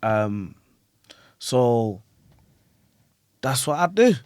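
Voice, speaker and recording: A man's voice: medium pitch, drawn-out words, no echo. Slangy man hosting a podcast. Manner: animated, slangy, repeats "you get what I'm saying". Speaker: podcast host and grime MC. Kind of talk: casual chat.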